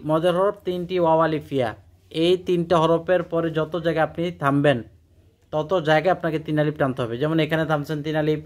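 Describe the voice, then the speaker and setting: A man teaching Quran recitation, chanting verses slowly and drawn out, then explaining pronunciation rules quickly. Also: on the high side. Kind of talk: recitation lesson.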